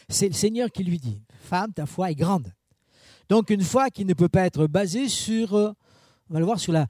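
A man preaching a sermon in a chatty way, full of fillers and asides to the congregation, with big swings in pitch and loudness. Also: no room sound, studio quality.

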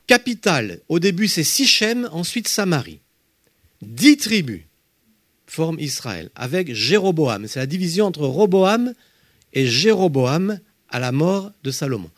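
A man teaching a Bible study, walking listeners through slides with emphatic, lively explanations. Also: a little high, no room sound, clean studio sound.

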